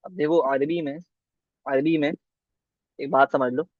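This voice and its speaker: A man's voice: a little high, fairly even intonation, no room sound. A man teaching a beginner Arabic lesson, repeating each word and checking with his students as he goes. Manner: slow, repeats words and asks "ठीक है?". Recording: dull, dry lo-fi sound.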